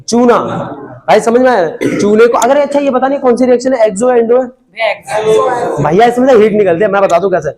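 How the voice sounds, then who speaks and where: A man's voice: high voice, a little mellow. A man teaching a chemistry class to students, casual and joking, constantly asking whether they understood.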